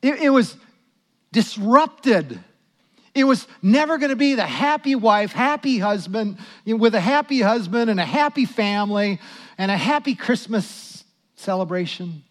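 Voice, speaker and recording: A male pastor preaching a sermon, swinging from loud emphatic lines to hushed prayerful asides. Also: sits high, animated, a little slow.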